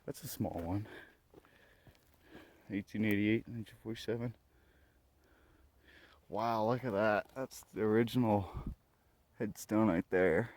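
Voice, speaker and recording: A man's voice: fairly low pitch, fairly even intonation, unhurried, pauses often, darkish tone. A man giving casual off-the-cuff vlog commentary in fragments as he explores outdoors. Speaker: vlogger exploring a graveyard. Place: outdoors in a graveyard at night. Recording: noisy handheld outdoor recording, clicks.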